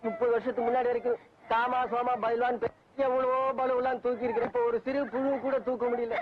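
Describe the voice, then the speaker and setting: Old rich ex-wrestler, comic and self-pitying, very high voice, muffled film audio. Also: male voice, little pitch movement, fast, slight background noise. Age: older. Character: rich old former wrestler, sentimental and eccentric. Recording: dull old film soundtrack.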